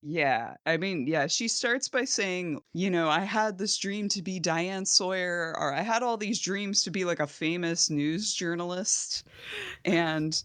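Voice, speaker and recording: Chatty podcast co-host with dry sound. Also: female voice, on the low side, a little slow, fairly bright tone, clear, resonant tone, no room sound. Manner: laughs often, acts out characters' lines while retelling. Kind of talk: casual recap chat.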